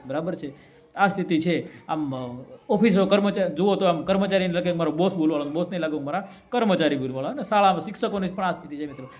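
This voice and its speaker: A man giving a motivational speech to a community gathering, telling a folk parable and often checking with the crowd. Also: fairly high pitch. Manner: storytelling, keeps asking the crowd "right?". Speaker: community speaker.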